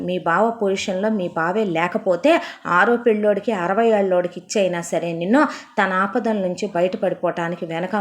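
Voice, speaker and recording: A woman's voice: lowish voice, a little mellow, natural voice. A woman voicing a blunt older village grandmother who lectures and rebukes her granddaughter with pointed rhetorical questions, in a told story. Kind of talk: storytelling voice acting.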